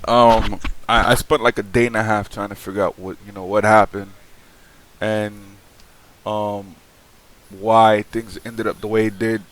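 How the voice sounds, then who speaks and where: Lowish-voiced young man venting casually. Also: a bit bright. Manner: loose, slangy talk full of fillers and restarts; aggrieved, frank venting. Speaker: vlogger. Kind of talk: casual vlog monologue.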